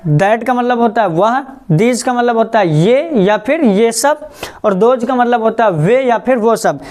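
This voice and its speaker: A male teacher giving a grammar lesson, asking quick questions and repeating the answers, slowing words down to show how they are said. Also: high voice, darkish tone. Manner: stretches out words slowly to model pronunciation.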